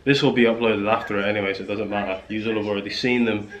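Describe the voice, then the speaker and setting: A man's voice: lowish voice, fairly even intonation, fast talker. A young man, rambling casually with slang and fillers in a small hotel room, filming on a handheld camera. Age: young adult. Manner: laid-back slangy rambling with repeated fillers. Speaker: vlogger. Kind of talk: casual vlog. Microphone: handheld camera at arm's length.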